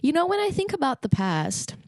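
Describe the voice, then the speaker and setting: A young Brazilian woman vlogger chats casually to camera in a rambling storytime vlog, mocking herself and jumping between tangents. Her high voice swings widely in pitch, runs a little fast and has a darkish tone. There's no room sound.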